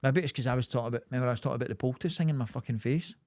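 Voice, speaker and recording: Man, Scottish accent, medium pitch, casual sweary banter, joking podcast co-host, dry recording. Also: very fast, darkish tone, dry recording. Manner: sweary, jokey.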